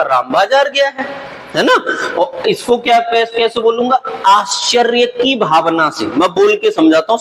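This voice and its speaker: A man's voice: high-pitched, fairly bright tone, a little hiss or hum, rough recording. A man teaching a grammar lesson for exam preparation, patiently explaining, repeating key terms and often checking whether students have understood.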